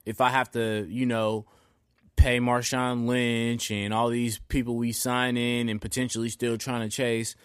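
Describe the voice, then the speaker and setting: A man co-hosting a sports podcast in loose, profane casual chat, telling animated stories. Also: medium pitch, smooth, no echo, clean studio sound. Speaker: podcast co-host.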